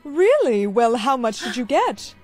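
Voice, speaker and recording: A woman's voice: a little high, very animated, measured pace, darkish tone, soft background music. An actress playing a cruel, falsely sweet stepmother. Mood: mock-sweet.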